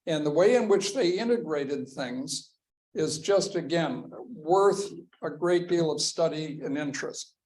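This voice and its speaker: A man giving a history lecture to a class, talking slowly and deliberately as he walks through slides. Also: a little high, a little mellow, rough recording. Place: lecture room with a class present.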